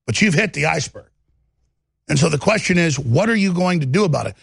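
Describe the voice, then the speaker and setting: In gravelly tones with a Texas twang, a man delivers impassioned political commentary like a talk show host: confident, aggressive and emphatic, stacking up lists and rhetorical questions. His voice is fairly high, expressive and a little fast. The clean studio recording has no room sound.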